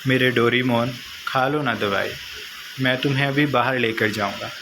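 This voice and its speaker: A man voicing a stern but tender young husband, calm and coaxing, over a noisy recording. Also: mid-range voice, normal speed, natural voice.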